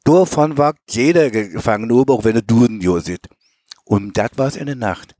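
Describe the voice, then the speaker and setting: Storyteller, male, strong Mecklenburg Low German accent, homely reading with small stumbles, dry close recording. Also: moderate pace, dark tone, no echo. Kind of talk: reading a memoir tale aloud.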